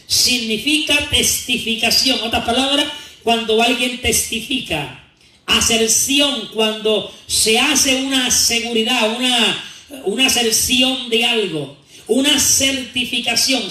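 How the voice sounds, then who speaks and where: Guy preaching slow in a church, high bright voice, kinda far from the mic, lots of echo. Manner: slow, deliberate, repeats key words for emphasis. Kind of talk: Bible teaching sermon.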